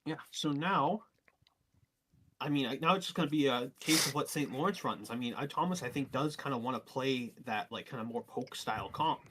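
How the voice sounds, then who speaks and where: A man in his twenties doing color commentary for a college esports final, excitable and rambling with fillers. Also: mid-range voice, a little fast, slight background noise. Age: 20s.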